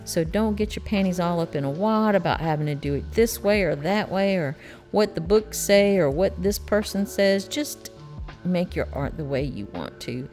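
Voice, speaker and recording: A woman's voice: fairly low pitch, normal speed, darkish tone, soft background music. A middle-aged woman with a Southern accent, chatting through a watercolor painting tutorial in a folksy, encouraging way. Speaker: watercolor art teacher.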